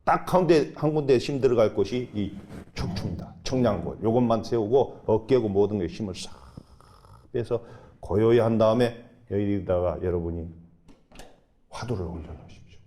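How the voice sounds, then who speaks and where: Mellow-voiced monk giving a sermon. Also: male voice, lowish voice. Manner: emphatic, with sudden rises and soft drawn-out instructions. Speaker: Buddhist monk leading a dharma talk. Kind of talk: sermon with guided meditation. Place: temple dharma hall.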